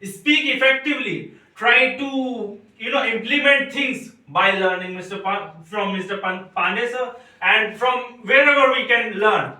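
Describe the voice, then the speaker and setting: A male student with an Indian English accent delivers a practice speech to his class. He talks deliberately, lifting and dropping his loudness for effect. His voice is high and very bright, and it comes from a distance in a strongly echoing room. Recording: echoey room from far off.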